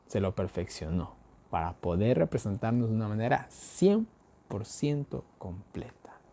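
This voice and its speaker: A man with an Ecuadorian accent leads a daily Bible study, posing rhetorical questions and answering them himself in a folksy manner with everyday examples. His fairly low voice is very animated and mellow, at a measured pace.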